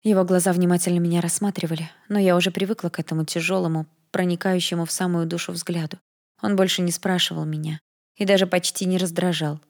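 A woman's voice: lowish voice, level tone, quick pace, dry recording. Woman narrating a fantasy audiobook, dry sound. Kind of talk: first-person fantasy narration.

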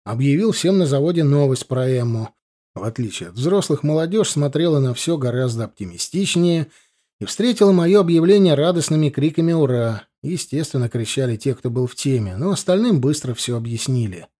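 A young man calmly narrating a first-person audiobook in a conversational storytelling manner. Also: medium pitch, a little fast.

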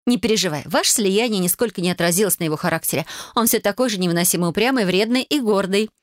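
A woman's voice: mid-range voice, no echo, clean studio sound, lightly acted. A woman voicing a brash, mocking young witch with a breezy, teasing manner. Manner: teasing, breezy, quick to yell. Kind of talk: audiobook character voice.

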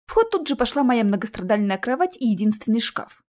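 A woman reading a fantasy audiobook aloud in an expressive, animated storytelling manner. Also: fairly high pitch, fairly quick. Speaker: audiobook narrator.

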